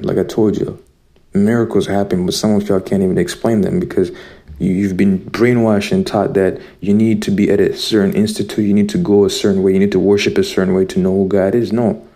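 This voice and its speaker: A man's voice: on the low side, gravelly, warm tone. A man from Zimbabwe giving an earnest, preachy spiritual monologue straight to his listeners. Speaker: spiritual vlogger.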